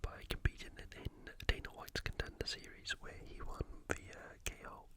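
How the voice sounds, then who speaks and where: A British ASMR host previews upcoming fights in a soft, unvoiced whisper, pausing now and then as he thinks aloud.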